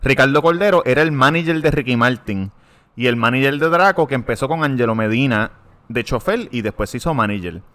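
A man, co-hosting a casual podcast and telling crude, animated stories. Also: medium pitch, a little fast. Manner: animated, profane storytelling. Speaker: podcast co-host. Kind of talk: casual chat.

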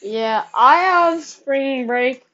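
A woman's voice: high-pitched, drawn-out words, sharp tone, lo-fi sound. A woman hosting a live gaming stream, chatty and upbeat, heard through livestream headset mic audio. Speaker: livestream host.

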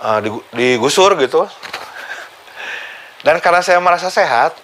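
A man, casually recounting a personal story for his vlog, animated and chuckling now and then. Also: fairly high pitch, normal speed, slight background noise. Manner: animated, chuckles while telling, acts out the quoted voices. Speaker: vlogger recounting his accident.

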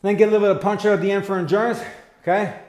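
A man's voice: high voice, fairly even intonation, rapid-fire, darkish tone. A middle-aged man coaching a guided boxing workout with short cues and casual encouragement while exerting himself. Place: small bare concrete-block garage gym. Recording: roomy echo, some background noise.

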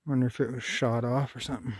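A man's voice: medium pitch, steady tone, fast talker. A man in his thirties from Canada talking casually and enthusiastically in slangy, folksy phrases as an outdoor vlogger. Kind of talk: casual vlog commentary while shed antler hunting. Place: outdoors on wooded, rocky hillsides. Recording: clearly noisy outdoor handheld recording.

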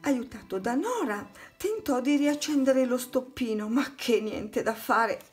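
A woman's voice: on the high side, expressive, measured pace, a little mellow. A woman narrating a children's storybook, reading aloud expressively and dramatically.

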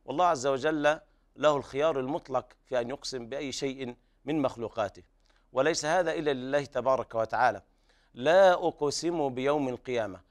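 A middle-aged man teaching Quran recitation on a television lesson, explaining each rule in a measured way before he chants the verse. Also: mid-range voice. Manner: explains tajweed rules, then slowly chants verses as examples.

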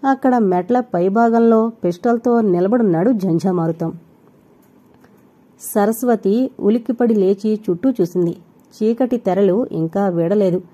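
A woman reading an audio novel aloud, with steady storytelling narration. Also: mid-range voice, dull audio.

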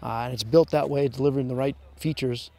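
Steady in tone but fast-talking, this medium-pitched man has vocal fry and a darkish sound. He works for the manufacturer and plainly walks listeners through a snowmobile's features outdoors in the snow at a sled event.

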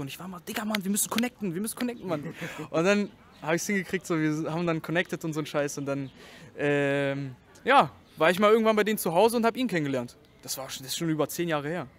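A man's voice: on the high side, fast. A man in his twenties from Germany, a rapper guest chatting casually and telling stories in slangy, loose talk. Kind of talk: casual chat.

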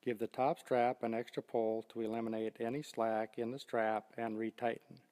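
A man's voice: medium pitch, moderate pace, long reverb tail. Older man explaining steps methodically. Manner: steady, methodical step-by-step explaining. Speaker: product demonstrator. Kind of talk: scripted instructional narration.

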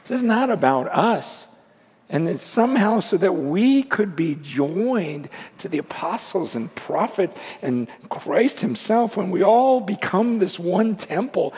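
Husky guy preaching, goes quiet then loud, long echo from a big hall. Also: high-pitched. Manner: passionate, swings between hushed and loud. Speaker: pastor. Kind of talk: sermon.

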